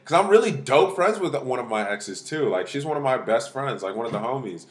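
Man, podcast co-host, frat-bro slang, animated storytelling, casual banter, lots of swearing. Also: medium pitch, a little fast.

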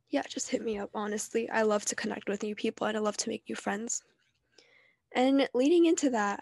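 A woman's voice: on the high side, a little mellow, dry recording, clean studio sound. A teenage girl with a nasal voice from allergies, talking candidly and casually on her own podcast. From New Jersey. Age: teens. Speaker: podcast co-host. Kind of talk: personal podcast monologue.

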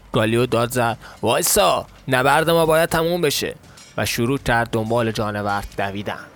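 A man, the host, reading a fantasy tale aloud in a steady, measured storytelling voice. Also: medium pitch. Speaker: podcast host and narrator. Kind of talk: storytelling narration.

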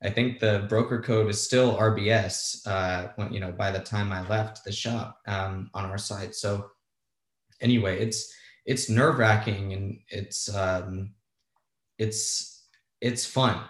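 Male guest, casual raconteur, lowish voice, self-deprecating, roomy recording. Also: fairly even intonation, slow pace. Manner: candid, self-deprecating, swears freely. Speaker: guest, former bond trader. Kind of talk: casual storytelling.

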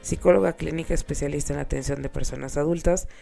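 Nasal, congested woman with a creaky low-key voice. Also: steady tone, fast, warm tone, soft background music. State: sick with a cold. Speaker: podcast host, clinical psychologist. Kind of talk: semi-scripted podcast monologue.

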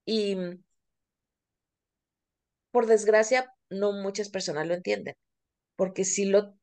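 A woman's voice: medium pitch, fairly even intonation, slow, darkish tone. A middle-aged Mexican woman co-hosting a podcast, talking candidly and casually with plenty of fillers. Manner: candid, confessional, many fillers. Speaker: podcast co-host.

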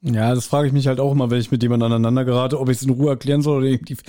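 Mellow-voiced male podcast co-host. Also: mid-range voice, level tone, rapid-fire. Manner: thoughtful, explaining at length. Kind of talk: casual chat.

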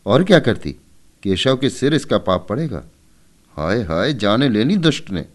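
A man voicing a stern mother who loudly scolds her two children in a storybook reading. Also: medium pitch, very animated, a little slow, pitched above the performer's own voice. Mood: scolding. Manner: scolding, loud.

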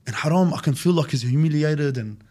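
A man's voice: on the high side, a little fast, warm tone. A man telling a personal story in a casual chat, peppering it with Arabic phrases and "bro".

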